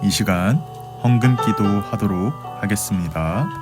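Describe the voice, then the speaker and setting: A man with a very low voice calmly leads the offering and gives the children simple instructions. A guitar plays clearly underneath him the whole time. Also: unhurried. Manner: calm, plain instructions to children. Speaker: worship leader. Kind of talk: leading the offering and prayer. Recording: guitar playing behind.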